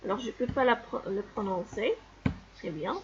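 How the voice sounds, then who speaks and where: A woman's voice: medium pitch, muffled recording, slight background noise. A woman teaching a reading lesson to young children, patiently repeating each sound and word. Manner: slow, patient, repeats sounds and words for pupils. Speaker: primary school teacher.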